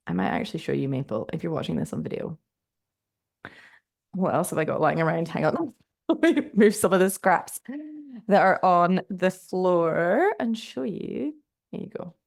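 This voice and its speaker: A woman's voice: lowish voice, a little mellow. A woman hosting her own podcast, talking in a chatty, upbeat way with lots of filler words. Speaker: podcast host. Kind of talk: casual solo podcast chat.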